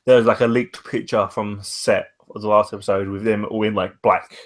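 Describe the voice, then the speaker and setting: A man with a slightly low voice hosts a podcast. He talks in an informal, chatty way, as in a casual conversation. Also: little pitch movement, normal speed. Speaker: podcast host. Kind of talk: casual chat.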